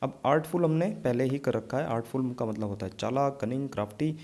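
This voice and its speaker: A man's voice: medium pitch, fairly quick, a little mellow. A man teaching an exam vocabulary lesson, explaining memory tricks and checking in often with his students.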